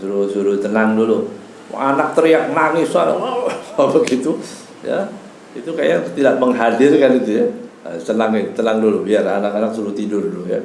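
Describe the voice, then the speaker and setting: A man's voice: lowish voice, normal speed, darkish tone, slight background noise. A man giving a mosque study talk as an Islamic preacher, explaining Arabic terms in casual speech and often adding a tag word. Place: mosque hall. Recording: echoey room with faint ambience.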